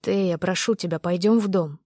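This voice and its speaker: A woman voicing a guarded young man, low and quiet. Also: moderate pace, dry recording, studio quality, lightly acted. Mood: urging. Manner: low, quiet, clipped lines. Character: young man, tense, guarded, pleading lover. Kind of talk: audiobook character voice.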